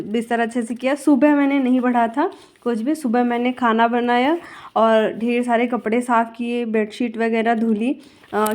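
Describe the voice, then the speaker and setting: A woman teacher talks over her own study vlog in a loose, chatty way. She rambles and stops to fix her own words as she goes. Her voice sits a touch higher than most. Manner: chatty, rambling, self-correcting. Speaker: school teacher.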